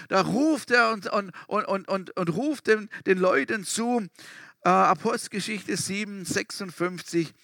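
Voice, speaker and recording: A man's voice: high-pitched, gravelly, sharp tone, dry recording, studio quality. A man preaching a sermon in a storytelling way, stressing points by repeating them. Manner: storytelling, emphatic repetitions.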